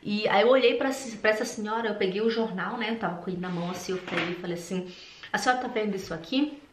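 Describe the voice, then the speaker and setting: A woman from Brazil telling personal stories and encouraging viewers in an animated, expressive way, recorded with a roomy echo. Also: medium pitch, fast, noisy background. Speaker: vlogger.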